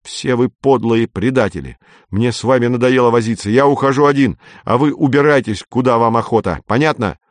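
A man voicing the captain, a bossy, hot-tempered boy who shouts and sulks. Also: medium pitch, fairly quick, no room sound, lightly acted. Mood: furious. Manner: shouting, iron-voiced, sulky.

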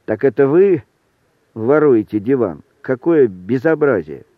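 A man's voice: mid-range voice, lively intonation, a little slow, dry recording, close to an everyday voice. A man voicing a pompous, indignant fat scientist who shrieks and scolds. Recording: thin phone-like sound, dry.

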